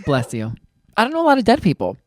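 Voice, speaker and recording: A playful man co-hosting a casual podcast, full of jokes and goofy asides. His pitch swoops around in a lively way. The sound is dry and close to the mic. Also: fast, no room sound. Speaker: podcast co-host. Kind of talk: casual chat.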